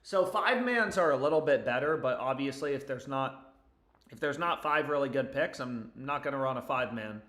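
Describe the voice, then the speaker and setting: A man's voice: mid-range voice, expressive, moderate pace, fairly bright tone. Echoey young frat-bro streamer guy. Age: young adult. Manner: frat-bro slang, swears freely. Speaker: livestream host giving betting picks. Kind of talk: casual livestream chat. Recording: roomy, echoey indoor sound.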